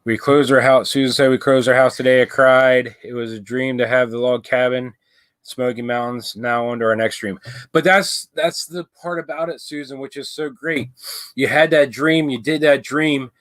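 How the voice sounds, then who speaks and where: A man's voice: medium pitch, steady tone, moderate pace, fairly bright tone, dry recording. Man, rambling livestream host, lots of ums and restarts, dry close sound. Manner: rambling, many fillers and restarts. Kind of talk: casual live chat. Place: inside an RV.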